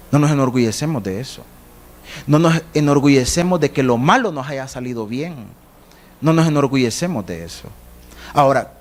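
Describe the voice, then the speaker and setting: A middle-aged man, preaching a sermon as pastor, acting out little scenes in other voices. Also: high voice. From El Salvador.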